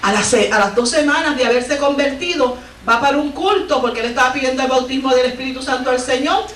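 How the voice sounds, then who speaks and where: High-voiced woman preaching in an echoey church. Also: fast talker, fairly bright tone, far from the mic, a little hiss or hum. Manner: fervent storytelling with exclamations of praise. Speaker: missionary preacher. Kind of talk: Pentecostal sermon testimony. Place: church sanctuary. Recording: echoey church recorded from afar.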